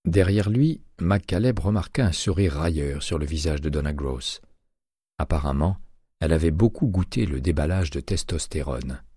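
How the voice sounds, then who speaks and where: A man narrating an audiobook thriller in an even, steady reading. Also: very deep voice, normal speed, breathy edge, dry recording, studio quality.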